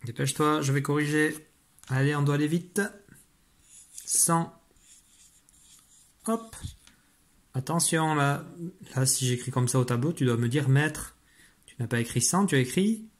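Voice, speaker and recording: A man's voice: on the high side, normal speed, pauses often. A primary school teacher, a man, leading a patient spelling dictation lesson and talking directly to the pupil. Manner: patient, explains step by step, addresses the pupil directly.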